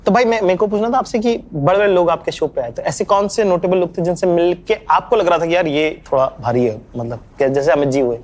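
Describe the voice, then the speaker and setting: A man's voice: high voice, quick pace, few pauses, a little mellow. A man interviewing a guest in casual chat, asking questions and backing the answers with short agreeing replies.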